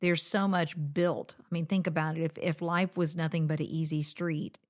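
Very low-pitched middle-aged woman, casual talk. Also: little pitch movement, moderate pace. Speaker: co-host of a marriage show. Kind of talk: casual reflective conversation.

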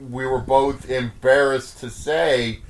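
A man talking as a guest on his wife's podcast, thoughtful and halting, with many restarts. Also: mid-range voice, fairly even intonation. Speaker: guest, host's husband. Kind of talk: casual chat.

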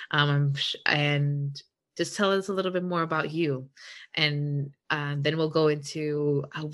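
A woman with a low voice leads a panel conversation as host. She speaks in a friendly but halting way, restarting her sentences and slipping Spanish words into her English. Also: fairly bright tone.

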